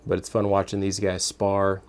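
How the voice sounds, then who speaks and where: A man with a low, clean-toned voice and completely flat delivery talks at normal speed while giving a vlog-style walk-through of indoor workplace rooms. As a tour guide, he rambles informally and thinks aloud. The recording carries faint room and air-conditioning noise.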